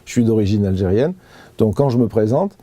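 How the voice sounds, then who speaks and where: A man's voice: on the low side, animated, brisk, mellow, no echo. A man being interviewed, giving an earnest personal account with many hesitations and restarts. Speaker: interview guest.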